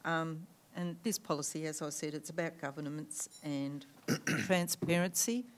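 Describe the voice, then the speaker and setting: An Australian woman with a low voice addresses a council meeting as councillor. She speaks hesitantly, with frequent ums and restarts. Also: measured pace. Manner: hesitant, many ums and self-corrections. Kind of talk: formal council speech.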